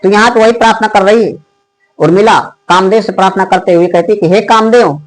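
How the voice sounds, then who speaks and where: A man with a high voice teaches a Hindi poem to exam students. He explains each line patiently, keeps asking the class questions and keeps saying "ठीक" to check they follow. Now and then he stretches the verses out into a slow, loud chant. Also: low-quality recording. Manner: chants the poem lines slowly and loudly in a sing-song. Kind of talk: exam-prep poetry lesson.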